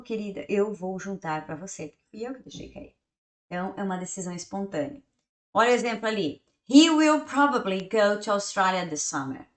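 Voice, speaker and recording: A woman whose first language is Portuguese, teaching an English grammar lesson, reading English examples slowly and then translating them. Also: on the high side, fairly bright tone, echoey room.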